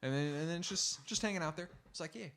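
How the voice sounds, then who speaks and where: A man's voice: fairly high pitch, fast, fairly bright tone. A young man co-hosting a comedy podcast, telling a rambling story in casual chat and laughing often. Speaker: podcast co-host.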